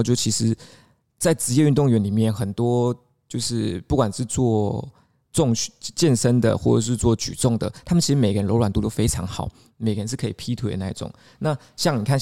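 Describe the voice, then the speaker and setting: A man's voice: mid-range voice, vocal fry, warm tone. A man with a Taiwanese Mandarin accent, co-hosting a podcast and telling a story in casual chat, chatty and often laughing. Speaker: podcast co-host.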